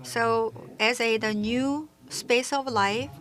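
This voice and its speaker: A woman presenting at an online forum, speaking haltingly with many restarts and fillers. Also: on the high side, fairly even intonation, a bit bright. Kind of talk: conference presentation in English. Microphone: webinar microphone.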